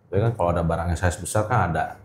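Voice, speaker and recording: Low-pitched and racing, the voice belongs to a middle-aged Indonesian gemstone trader with a Jakarta accent, speaking casually as an interview guest and repeating words for emphasis. There's slight background noise, and the room echoes.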